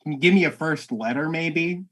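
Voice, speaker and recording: A man's voice: a little high, moderate pace, a bit bright. A man playing casually in character in a tabletop game, sarcastic and sweary. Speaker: player.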